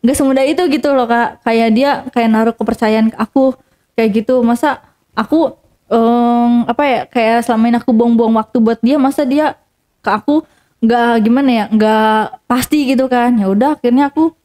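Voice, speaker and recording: A woman's voice: fairly high pitch, fairly even intonation, moderate pace, mellow. A young woman telling a personal story casually to an interviewer, rambling with many fillers and restarts.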